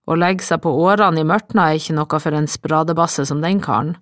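A woman voicing a wary middle-aged male innkeeper who speaks in a gruff, drawling, folksy way in an audiobook. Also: low-pitched, no echo, studio quality, natural voice.

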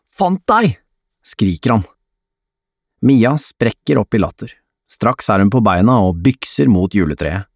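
Male audiobook narrator, lowish voice, calm storytelling, dry close recording. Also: vocal fry, no room sound. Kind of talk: scripted narration.

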